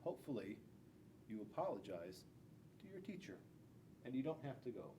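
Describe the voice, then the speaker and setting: With a mid-range, very animated voice at a moderate pace, a middle-aged man reads a picture book to young children. He's a school police officer in a classroom, stressing key words and adding asides, and there's background noise.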